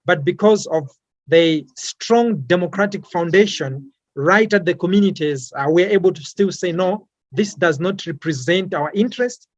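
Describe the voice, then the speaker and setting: A man's voice: sits high, moderate pace, no echo. A young man from Malawi, an environmental activist, answering interview questions hesitantly, with many fillers and repeated words.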